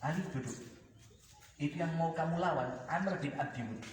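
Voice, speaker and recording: A preacher voicing a calm, soft-spoken older leader who talks gently and reassuringly. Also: male voice, on the high side, moderate pace, slight background noise, pitched below the performer's own voice, close to an everyday voice. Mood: gentle. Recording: echoey courtyard loudspeaker from far off.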